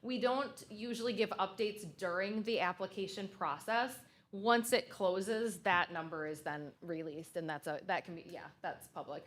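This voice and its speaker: A woman's voice: mid-range voice, steady tone, moderate pace, fairly bright tone. A woman consultant presenting to a school board at a public meeting, conversational and loose, with frequent fillers and restarts.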